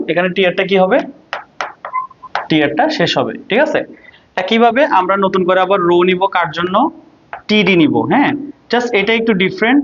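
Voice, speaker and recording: Brief: Bangladeshi male tutor, higher pitch, steady drilling "ঠিক আছে?", somewhat dull lo-fi sound. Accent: Bangladeshi Bengali. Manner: asks questions and answers them himself, repeats "ঠিক আছে?". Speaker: ICT teacher. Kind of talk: online lecture to students.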